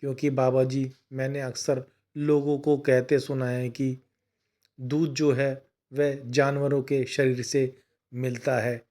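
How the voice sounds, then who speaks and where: A man recounts a devotional question-and-answer session in an unhurried, drawn-out delivery. His voice sits at an ordinary middle pitch. The tone is gentle and patient, with fatherly turns of address. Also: level tone. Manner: gentle, patient, keeps addressing the listener as "son". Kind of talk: devotional retelling.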